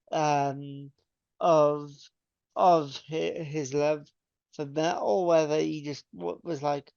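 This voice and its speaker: A young man co-hosts a metal podcast in casual chat, rambling with lots of fillers and restarts. His slightly high voice has a gravelly yet smooth edge and a darkish tone. The recording is dry and dull, like a lo-fi podcast mic.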